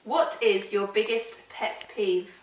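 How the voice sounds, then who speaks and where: A woman asks short, offhand questions in a casual Q&A. She sounds off-mic in a roomy, echoey space. Loud music plays behind her. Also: medium pitch, fairly even intonation, slow pace, far from the mic. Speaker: girlfriend asking questions.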